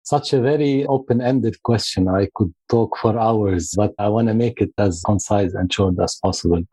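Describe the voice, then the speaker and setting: Lebanese guy on a podcast, low husky voice, slow storytelling, dry sound. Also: mellow, no room sound, rough recording. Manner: measured, storytelling, occasional restarts. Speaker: guest, consulting firm founder. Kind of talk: podcast interview.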